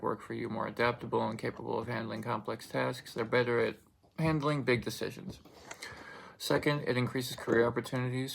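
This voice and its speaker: Speaking at a medium pitch in a creaky voice, a young native Russian speaker from a Russian-speaking country delivers an informative talk that wanders, packed with fillers and frequent restarts. The low-quality recording carries slight background noise.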